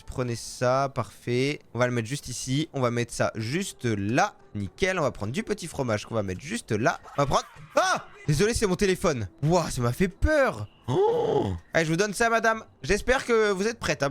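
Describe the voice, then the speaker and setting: A man's voice: on the high side, a bit bright. A man doing let's play commentary, chatty and teasing, talking to the game's customers. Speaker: gaming YouTuber.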